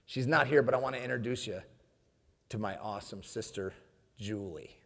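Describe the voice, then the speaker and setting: A man's voice: on the low side, moderate pace, gravelly, fairly bright tone, slight background noise. Laughing storyteller man in a reverberant hall. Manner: storytelling, laughing often, addressing audience as friends. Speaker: keynote speaker. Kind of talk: humorous motivational speech.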